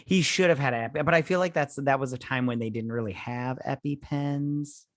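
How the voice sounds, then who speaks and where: A man's voice: mid-range voice, fairly quick, no room sound. Tipsy, profane male podcast host, close dry sound. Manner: profane, exclamatory, mock-outraged; drinking, tipsy. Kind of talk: casual comedic chat about movies.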